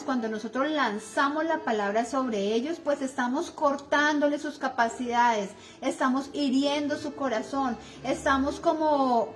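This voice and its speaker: High-voiced Colombian woman teaching faith. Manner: earnest, acts out everyday remarks in voices, many fillers. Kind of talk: conversational devotional teaching.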